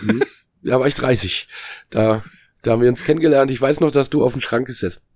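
A man's voice: mid-range voice, fast talker, darkish tone, dry recording, studio quality. A man in his late forties from Germany, guest on a podcast, talking casually and rambling with many restarts and fillers. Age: 40s. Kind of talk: casual chat.

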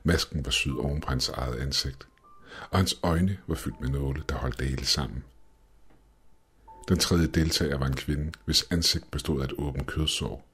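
A man narrating a scripted horror story in a slow, measured, grim way. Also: rumbling low, a bit bright, slightly rough. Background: faint music.

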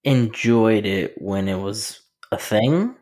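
A man's voice: lowish voice, animated, slow pace, darkish tone. A man co-hosting a podcast in casual chat, easygoing and a little hesitant.

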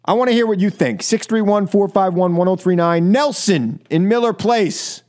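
A high-pitched, slightly mellow male voice at normal speed belongs to an American political talk radio host. Between opinion monologues and caller talk, he speaks with emphasis and exasperation, repeating phrases and asking rhetorical questions.

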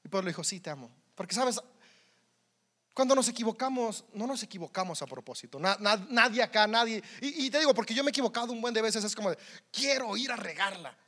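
A man's voice: high-pitched, expressive, quick pace, pushed and bright. A man with a Mexican accent preaching a sermon in a conversational, humorous way, often repeating words as he goes.

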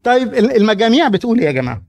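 Animated Egyptian drama director. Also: male voice, very high-pitched, racing, creaky. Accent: Egyptian Arabic. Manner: animated, explaining. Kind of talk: coaching a church drama rehearsal.

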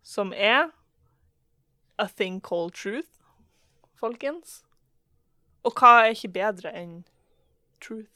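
A woman's voice: medium pitch, lively intonation, pauses often, bright, forceful tone, no echo. A young woman in a joking casual chat, making dry, teasing remarks.

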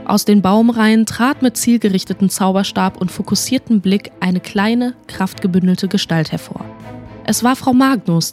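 A woman narrating a humorous fantasy audiobook story in a lively storytelling manner. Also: mid-range voice.

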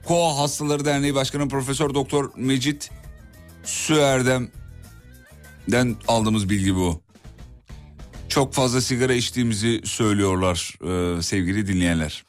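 Man, medium pitch, casual radio host, conversational, echoing phrases, faint music behind. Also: normal speed. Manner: conversational, echoes his co-presenter's words.

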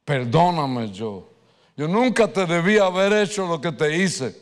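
A man preaching a sermon, telling a personal story with animated delivery and slipping in English words. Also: on the high side, measured pace. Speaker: pastor. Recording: reverberant hall.

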